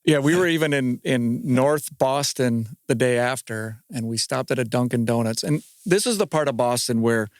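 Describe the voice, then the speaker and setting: A man guesting on a running podcast, telling stories in a casual, animated way. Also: medium pitch, normal speed, few pauses, no echo, clean studio sound. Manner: animated anecdote-telling with quoted voices. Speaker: podcast guest, marathon runner. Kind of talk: casual storytelling chat.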